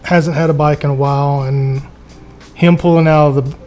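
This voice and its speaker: Folksy American man, slightly high voice. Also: fairly even intonation, moderate pace, darkish tone, soft background music. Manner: folksy, earnest, peppers talk with "man". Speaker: motorcycle salesman being interviewed. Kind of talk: casual chat.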